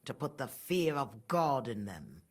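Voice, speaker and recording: With an extremely low pitch, very animated delivery, and a measured pace, this actress gives a full character voice that's slightly mellow with a breathy edge. She plays the same middle-aged, pious, unrepentant murderess of a mother from a dramatic video game, haughty and fanatical, dripping cold contempt.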